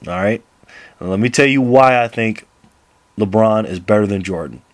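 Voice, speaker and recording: A man in his late thirties talks casually to camera about basketball, rambling, restarting sentences and laughing often. His voice sits low. The sound is dry and close, with no room echo. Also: moderate pace. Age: 30s. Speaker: basketball vlogger.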